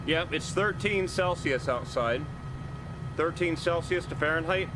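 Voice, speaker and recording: A man's voice: on the high side, a little slow. A man chatting casually on a livestream while flying a helicopter simulator. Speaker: game streamer, sim pilot. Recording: loud aircraft noise behind voice. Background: helicopter simulator engine noise.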